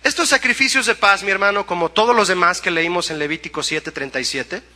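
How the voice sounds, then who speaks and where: A man's voice: high voice, brisk, sharp tone, big-room sound. A male pastor preaching a sermon, reading scripture aloud and asking the congregation to answer back.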